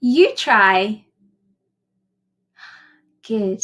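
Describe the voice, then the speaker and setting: A woman teaching a children's phonics lesson, modeling sounds and words in slow, exaggerated speech with short instructional prompts. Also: mid-range voice, very animated, a bit bright.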